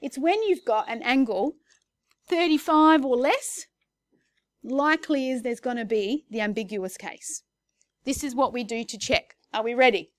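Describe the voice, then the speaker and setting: Woman teaching a class, slightly high voice, chatty and self-correcting, recorded dry. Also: measured pace, no echo. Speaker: maths teacher. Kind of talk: classroom lesson.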